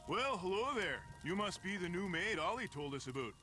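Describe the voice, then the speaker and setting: A boastful Canadian construction worker. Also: male voice, high-pitched, animated, fairly quick, sharp tone, soft background music. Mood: jovial. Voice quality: boastful, gruff and folksy. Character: folksy middle-aged male construction worker, lodge guest. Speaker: game character.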